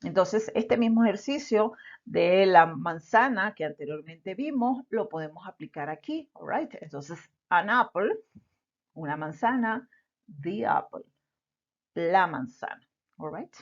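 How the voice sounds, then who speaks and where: A woman's voice: on the low side, lively intonation, measured pace. A woman teaching an English lesson patiently, repeating example words and checking in with "all right?". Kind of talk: slow explanatory lesson. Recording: dull lo-fi recording.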